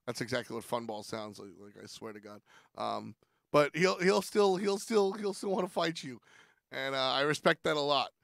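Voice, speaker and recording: A man's voice: medium pitch, expressive, normal speed, creaky, a bit bright, no echo, studio quality. A man hosting a weekly stream show, rambling through casual commentary in a playful, self-deprecating way.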